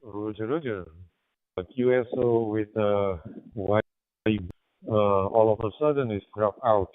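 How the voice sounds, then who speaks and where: A man's voice: lowish voice, steady tone, a little slow, dry recording. A man making an amateur radio call, his digital radio signal breaking up as he speaks hesitantly with fillers. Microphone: digital radio over a hotspot. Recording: tinny narrow radio line.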